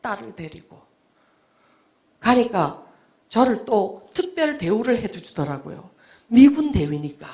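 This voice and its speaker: A woman speaking as a guest author, giving a testimony talk to a church audience. Her storytelling is emotional, dropping to hushed whispers and rising to loud exclamations, and she acts out her own past words. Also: fairly high pitch, very animated, measured pace, pauses often.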